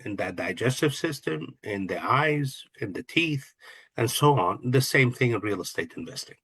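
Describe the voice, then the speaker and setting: A man's voice: medium pitch, lively intonation, normal speed, fairly bright tone, slightly rough, no room sound. A middle-aged man from Kuwait, a guest in an interview, answering in an earnest, reflective way and often restarting his sentences. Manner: earnest, reflective, lists ideas with repeated restarts. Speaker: guest, real estate investor and coach.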